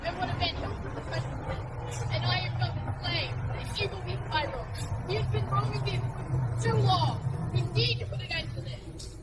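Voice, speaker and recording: A woman's voice: extremely high pitch, fairly even intonation, unhurried, heavy background noise. A woman playing a vengeful, scornful siren in a theatrical haunted attraction style. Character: vengeful seductive siren monster scorning her victims. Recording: distant voice under loud music and crowd.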